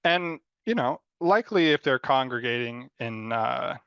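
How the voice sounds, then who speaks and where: A man gives friendly design feedback in a rambling, unscripted way, with lots of fillers and light self-deprecating humor. His voice has a gravelly texture. The recording is dry and a little dull and lo-fi. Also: medium pitch, animated, unhurried, a bit bright, no room sound. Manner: rambling, loose delivery with many fillers. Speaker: mentor giving design feedback. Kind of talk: live design critique, casual and unscripted.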